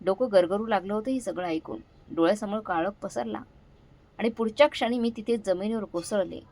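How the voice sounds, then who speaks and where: A woman's voice: medium pitch, brisk, warm tone, rough recording. A woman storyteller narrating an emotional first-person story, heartfelt in manner.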